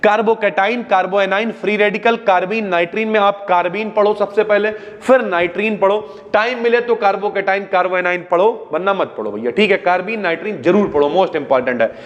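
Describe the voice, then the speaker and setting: A man's voice: brisk, few pauses, long reverb tail, muffled recording. A young man with a North Indian Hindi accent gives a casual exam revision lesson, calling students brother and using homely examples. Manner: chatty, addresses students as bhaiya, homely examples, drops pitch on asides. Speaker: exam-prep teacher.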